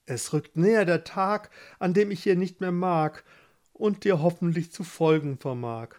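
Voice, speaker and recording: A man voicing an old, ailing king who speaks slowly and solemnly in rhymes. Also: sits high, a little mellow, voice pushed up. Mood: mournful. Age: older. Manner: slow, solemn, rhyming.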